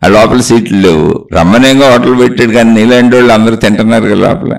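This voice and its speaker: Gravelly man giving a spiritual talk. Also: medium pitch, fast, far from the mic. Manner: repetitive, emphatic, lecturing. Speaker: spiritual speaker.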